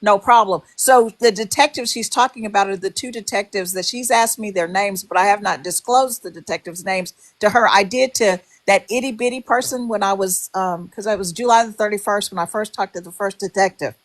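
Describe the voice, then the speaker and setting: A woman's voice: medium pitch, fairly quick, few pauses. A woman in her sixties in casual livestream chat, talking in a direct, advising way. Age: 60s.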